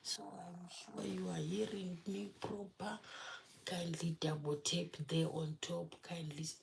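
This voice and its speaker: A woman's voice: fairly low pitch, flat delivery, measured pace, vocal fry, slight background noise. A young woman hosting a casual live stream, chatting with viewers, greeting them by name and laughing often. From Zimbabwe. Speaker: livestream host.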